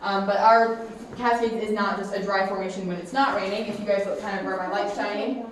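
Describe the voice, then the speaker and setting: A woman's voice: mid-range voice, steady tone, a little fast. A woman working as a cave guide, giving a casual, explanatory tour talk to a group inside a cave. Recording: very echoey cave, distant mic, faint noise.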